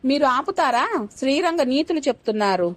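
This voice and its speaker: Storybook drama: a woman playing a haughty wealthy mother, domineering and scornful, pitched a little high. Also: lively intonation, a little fast. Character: arrogant status-proud rich middle-aged mother.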